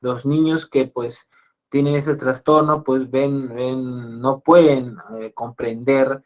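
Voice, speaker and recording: A Peruvian man lecturing as a psychologist in an online class. His voice sits at an average pitch, and he talks straight to his listeners. He keeps circling back and restarting his phrases. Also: steady tone, slow pace. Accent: Peruvian Spanish. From Peru. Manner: repetitive, restarts phrases often, addresses audience directly. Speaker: psychologist giving a webinar talk.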